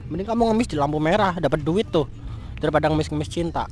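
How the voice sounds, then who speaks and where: A man's voice: a little high, fast talker, a little mellow, lightly acted. A man playing a furious jilted young fiancé. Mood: angry. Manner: angry scolding, cursing. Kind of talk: scripted street drama.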